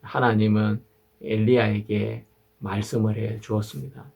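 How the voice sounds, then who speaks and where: A man in his sixties, a pastor delivering an earnest sermon, asking his listeners questions and pausing on fillers. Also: lowish voice, level tone, creaky, darkish tone, slightly rough. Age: 60s.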